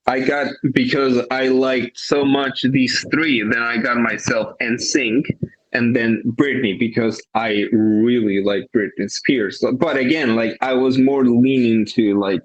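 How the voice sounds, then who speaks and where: A man's voice: medium pitch, steady tone, unhurried, highs cut off. A man from Peru, a musician guest telling his story in a thoughtful, rambling way. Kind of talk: casual interview chat.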